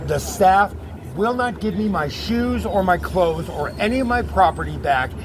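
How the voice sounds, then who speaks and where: Out on a city street, a man pleads urgently with an outreach worker, swearing often in this unscripted conversation. His voice is high-pitched and expressive at a normal speed, with traffic and street noise around him.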